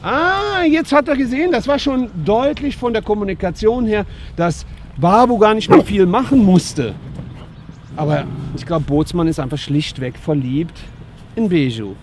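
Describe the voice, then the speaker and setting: A man who works as a dog trainer, giving lively casual commentary outdoors as he talks to the dogs and to his viewers. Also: high voice, moderate pace, slight background noise.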